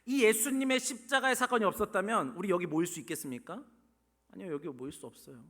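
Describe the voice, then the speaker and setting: A man preaching a sermon as pastor, swinging from loud pleading questions to hushed whispers. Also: high voice. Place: church sanctuary. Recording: long church hall reverb.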